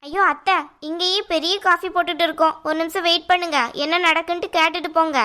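A woman's voice: extremely high pitch, level tone, quick pace, sharp tone. A woman voicing a sly, meddling young sister-in-law in a cartoon, taunting sarcastically in a Tirunelveli Tamil accent. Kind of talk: cartoon voice acting.

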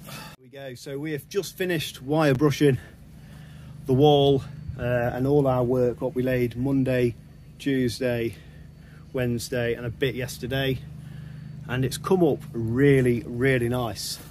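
A man's voice: medium pitch, level tone, a little mellow, a little hiss or hum. A young man, a bricklayer, talking casually about his work for a vlog, recorded outdoors on a building site. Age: young adult. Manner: quick, plain-spoken site talk.

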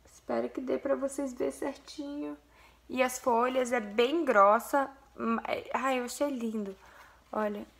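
Gushing young Brazilian woman, slight vocal fry. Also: high-pitched, fairly even intonation, a little slow. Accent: Brazilian Portuguese. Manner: gushing, chatty, addresses viewers directly. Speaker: vlogger, mother. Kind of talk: casual vlog, showing a photo album.

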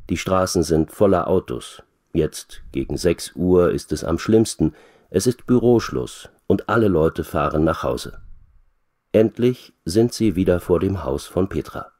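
Man, very low voice, reading aloud, slow and clear. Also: mellow. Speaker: reader. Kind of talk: reading a graded reader aloud.

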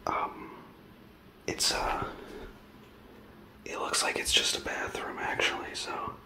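Brief: male, thirties, whispered comedy bit, hesitant filler-heavy whisper, phone held close, dark house. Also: slow, rough recording. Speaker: comedian host. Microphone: handheld phone camera close up.

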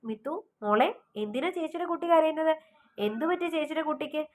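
A woman voicing a young woman gently comforting her younger sister, with a soft, coaxing manner. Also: on the high side, a little fast, natural voice. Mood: tender.

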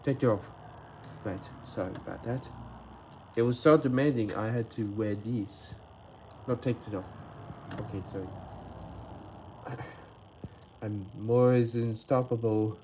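A man voicing all the characters in a homemade toy animation, with halting, rambling delivery full of word slips. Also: medium pitch, dark tone, a little hiss or hum, low-quality recording. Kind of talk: homemade toy stop-motion voice acting.

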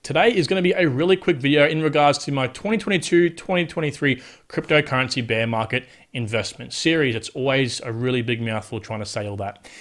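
Monotone young man explaining a tutorial. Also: medium pitch, brisk. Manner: monotone, self-described; explanatory, often checks in with a tag question. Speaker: host of a crypto tutorial channel. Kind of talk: casual screen-walkthrough tutorial.

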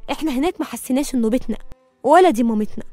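Woman reading a young Egyptian girl in an audio story, pleading, high and quick. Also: animated, warm tone, no echo, faint music behind. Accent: Egyptian Arabic.

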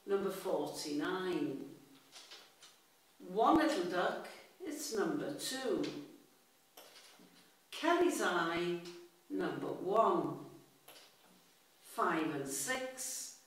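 A woman calling out bingo numbers in a deliberate, formulaic way, with set rhyming phrases. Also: medium pitch, slight background noise. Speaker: bingo caller. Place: indoor room with bookshelves. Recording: echoey room, distant from the mic.

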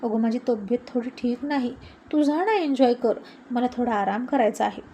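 A woman's voice: on the high side, normal speed, mellow, slight background noise, lightly acted. A woman voicing an evasive young woman who fakes illness in a thin, weak voice.

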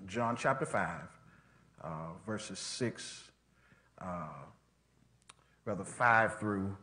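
A man's voice: low-pitched, drawn-out words, bright, forceful tone. A male pastor, preaching a sermon in a church with a rhythmic cadence and calling out to the congregation. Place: church sanctuary.

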